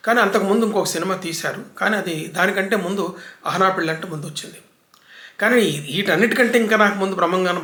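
A man in his sixties speaks with a high, bright voice. He lectures at an easy pace and lines up example after example. The sound bounces around an echoey room. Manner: unhurried, lecturing, piles up examples. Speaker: literary commentator. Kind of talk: reflective book talk.

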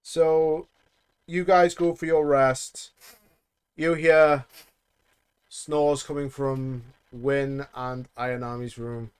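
Game master, male, clear resonant voice, casual and jokey, on a call mic. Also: medium pitch, level tone, extremely slow, long pauses. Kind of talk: narrating a tabletop game.

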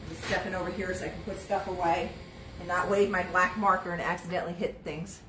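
Delivered flat and fast, her low-leaning voice is a bit bright. She's a middle-aged woman casually pitching antiques on a live sales stream from a shop booth, reading out items, sizes and prices. She moves about in frame of a phone or camera on a stand, with roomy shop acoustics and background noise.

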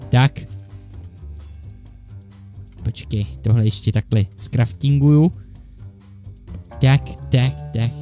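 A man's voice: medium pitch, darkish tone. Panicky, swearing gamer guy. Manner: jittery, panicky banter with frequent mild swearing; switches between two bickering sidekick characters. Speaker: gaming YouTuber. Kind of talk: comedic Minecraft let's play.

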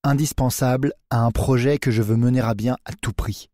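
A man voicing a grave, secretive man slowly confessing the truth. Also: medium pitch, fairly even intonation, no room sound, studio quality, lightly acted. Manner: grave, deliberate, hushed.

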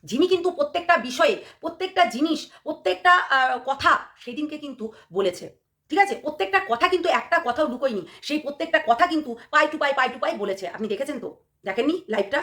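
Hoarse woman vlogger, high voice, rapid scolding rant full of sarcastic questions. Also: expressive, a bit bright. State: hoarse from a cold. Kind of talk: ranting commentary to camera.

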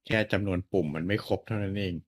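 A man co-hosting a podcast in casual chat, mostly giving brief agreeing replies and adding quick remarks. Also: low-pitched, fairly even intonation. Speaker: podcast co-host. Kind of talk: casual chat about retro games.

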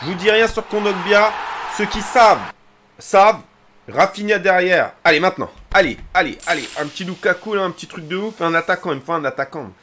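A young male gaming streamer with a high, bright voice calls out each pack opening, chanting and yelling as the cards are revealed. A faint hum sits in the room behind him. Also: a little fast. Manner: excitable, chants and shouts at reveals.

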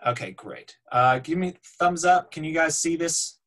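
A man's voice: a little high, a little slow, poor audio. Casual man teaching over webcam. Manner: relaxed, explanatory, frequent ums and uhs. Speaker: voiceover demo producer. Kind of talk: webinar teaching. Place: home room, indoors. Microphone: webcam on video call.

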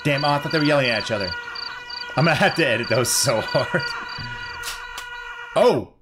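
Man, gaming commentary, casual, swears a lot, thinks out loud, average pitch, game music behind. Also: animated, normal speed. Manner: reactive, swears often, thinks aloud. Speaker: gaming channel host. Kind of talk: casual let's-play commentary.

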